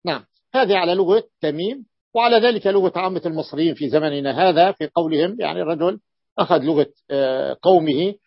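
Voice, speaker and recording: Higher-voiced man teaching slowly, lo-fi. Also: creaky, husky, no room sound. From the Levant. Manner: repeats key words slowly, thinks aloud with fillers. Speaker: sheikh teaching Arabic morphology. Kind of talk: classroom lesson explaining a text. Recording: dull lo-fi dry recording.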